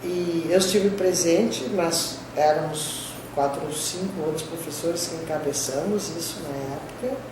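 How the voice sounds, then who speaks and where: This older woman, a professor from the southern Brazilian border region, speaks low-pitched, unhurried, and with few pauses as she recalls her career in an interview. Spanish terms pepper her Gaúcho accent, and she tells her story conversationally, tagging lines with "né?". A distant mic captures an echoey room with clear background noise.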